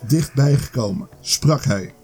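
A man's voice: mid-range voice, animated, measured pace, mellow, faint music behind. A man hosting a podcast, reading a fairy tale aloud in a casual way with the odd stumble. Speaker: podcast host.

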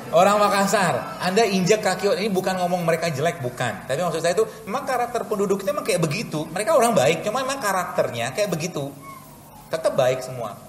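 A man, a doctor, giving a chatty, joking live health talk with a cooking demo to an audience in a large hall. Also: sits high. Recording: echoey hall with room noise.

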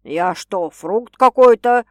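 A woman reading an audiobook, voicing a teasing, domineering young man who speaks slowly and wryly. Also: no room sound, clean studio sound, close to an everyday voice. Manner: slow, low and wry. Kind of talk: audiobook character voice.

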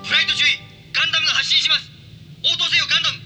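Give me a bridge operator barking over intercom radio. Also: male voice, very high-pitched, steady tone, racing, loud music behind the voice, poor audio. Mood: urgent. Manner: shouted clipped radio calls. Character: young male warship bridge operator, urgent.

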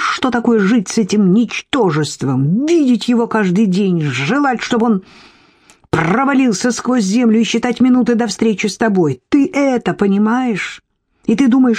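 A woman's voice: a little mellow, husky. A woman reading an audiobook, voicing a jealous, spiteful young woman who pleads and lashes out. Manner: pleading then spiteful, rising shrill. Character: jealous scheming young woman, bitter and shrill.

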